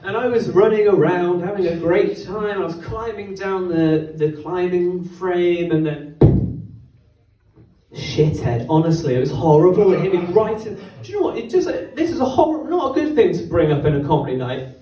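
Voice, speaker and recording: A young man performs stand-up in a comedy club, rambling and poking fun at himself into a handheld microphone, with stumbles and restarts. His voice is high-pitched, expressive and warm, at a moderate pace. The recording is roomy, picked up from a distance.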